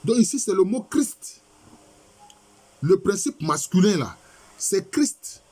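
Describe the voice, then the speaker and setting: A professor slowly lectures on Egyptian texts, reading passages aloud and explaining them while often asking and answering his own questions. His voice is high-pitched and sing-song, warm in tone, and husky.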